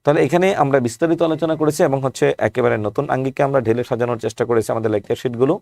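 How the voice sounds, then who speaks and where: Fast-talking Bangladeshi man teaching. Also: mid-range voice, fairly even intonation, a little mellow, no room sound. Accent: Bangladeshi Bengali. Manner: walks through question lists, rhetorical questions. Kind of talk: exam-prep lecture.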